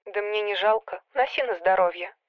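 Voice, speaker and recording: A woman reading an audiobook voices the heroine's anxious sister, soft, coaxing and a little whiny. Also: medium pitch, normal speed, no room sound, muffled recording, natural voice. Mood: pleading. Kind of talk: audiobook character voice.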